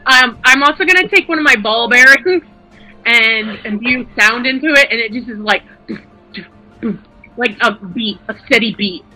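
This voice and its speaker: A woman's voice: on the high side, normal speed, bright, forceful tone, faint music behind, poor audio. A woman playing a tabletop game, chatty and explaining her plans step by step. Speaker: player. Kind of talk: casual tabletop play.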